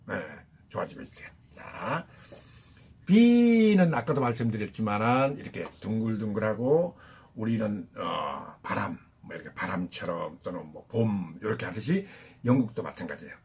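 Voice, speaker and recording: A man teaching English pronunciation, drilling words slowly and singing nursery-rhyme lines to show the sounds. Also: medium pitch, husky. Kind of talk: pronunciation lesson.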